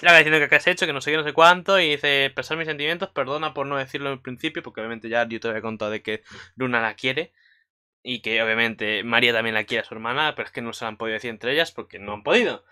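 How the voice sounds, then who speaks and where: Young dude rambling an anime recap, bright crisp voice, lots of fillers. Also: male voice, mid-range voice, fast. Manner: rambling, filler-heavy, excitable. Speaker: anime commentary vlogger. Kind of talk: casual episode recap.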